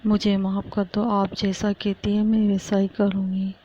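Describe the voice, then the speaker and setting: A woman's voice: mid-range voice, monotone, normal speed, mellow, close to an everyday voice. A woman voicing a meek ten-year-old girl who begs and pleads, on a muffled lo-fi recording. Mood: pleading. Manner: pleading, begging forgiveness.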